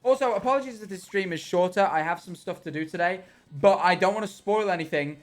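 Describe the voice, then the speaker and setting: A man's voice: sits high, fast, faint music behind. A young man streaming a game, chatting casually, rambling, correcting himself and swearing freely. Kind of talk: casual livestream chat while gaming.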